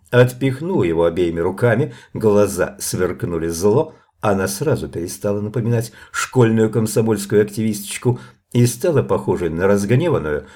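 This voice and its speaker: Low, mellow male audiobook narrator. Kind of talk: audiobook reading of a novel.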